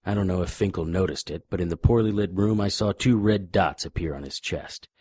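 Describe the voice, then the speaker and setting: Low and a little mellow, this male lead's brisk delivery carries the grim, hard-boiled sarcasm of a defiant, wry private eye he plays in a noir radio drama. He narrates and also speaks within scenes, recorded dry with clean studio sound.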